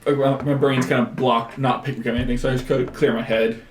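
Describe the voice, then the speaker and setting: A man's voice: mid-range voice, flat delivery, fast, soft background music. A man playing in a tabletop game, talking in a laid-back, laughing way. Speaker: player. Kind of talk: casual tabletop play. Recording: echoey room with noise.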